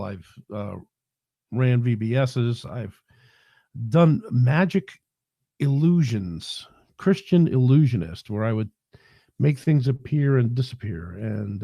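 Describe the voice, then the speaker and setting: A man's voice: medium pitch, dark tone, no echo. A middle-aged man from New York with a New York accent, hosting a casual livestream while getting over a head cold in his throat, rambling with many fillers and restarts. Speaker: livestream host and minister.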